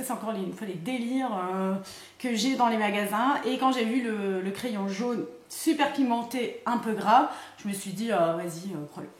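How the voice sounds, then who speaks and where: Chatty high-voiced woman vlogger. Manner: chatty, rambling, self-mocking with frequent fillers. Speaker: beauty vlogger. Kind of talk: casual haul chat to camera. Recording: echoey room.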